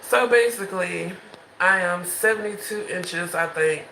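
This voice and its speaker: A woman's voice: on the low side, a little slow, creaky, sharp tone, a little hiss or hum. Young woman, twenties, frank rambling vlogger at home, roomy phone sound. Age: 20s. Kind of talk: casual late-night vlog. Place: home bedroom at night. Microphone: phone held in hand.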